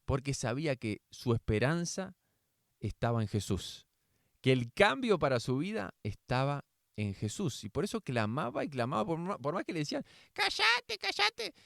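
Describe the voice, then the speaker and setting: Expressive man reading the Bible. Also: medium pitch, normal speed, vocal fry, no room sound, clean studio sound. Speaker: Bible reader. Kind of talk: audio Bible reading and devotional commentary.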